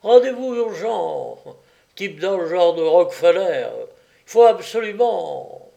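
A man voicing a broke male painter who boasts and talks up his importance in an excited way. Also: a little high, unhurried, creaky, pitched above the performer's own voice. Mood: boastful. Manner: excited and bragging.

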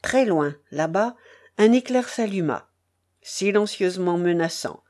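A woman reading a novel aloud as narrator, measured and dramatic. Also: on the low side, animated, dark tone.

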